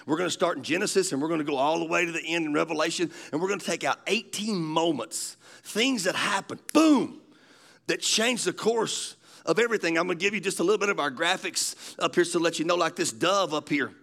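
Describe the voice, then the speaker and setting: A man's voice: on the high side, a little fast, gravelly, a bit bright. A man, preaching a sermon in a folksy storytelling way. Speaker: pastor.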